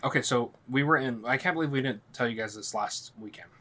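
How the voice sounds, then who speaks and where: A man in a relaxed group chat who winds through his stories, circling back with "so anyways". His voice sits in an ordinary middle register. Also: medium pitch, fast. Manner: rambling storyteller, restarts often. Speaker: podcast co-host. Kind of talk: casual chat.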